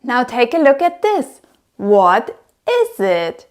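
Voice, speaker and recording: A woman's voice: a little high, sing-song, slow pace. A woman presenting to toddlers as if reading to a small child, sing-song and encouraging, asking exaggerated questions and repeating words for them to copy. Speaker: presenter of a toddler learning show.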